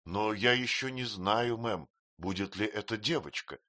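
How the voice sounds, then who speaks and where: A man's voice: medium pitch, lively intonation, measured pace, a bit bright, no room sound, studio quality, pitched above the performer's own voice. A man voicing a timid, frail young mother who speaks faintly and hesitantly.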